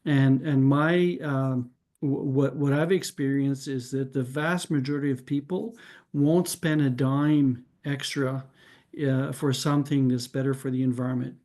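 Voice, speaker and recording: In a relaxed group conversation, a French-speaking man from Canada talks in an unhurried way with a low, mellow voice and fairly even intonation. He thinks out loud, often starts his sentences over, and tends to close each point with "right?".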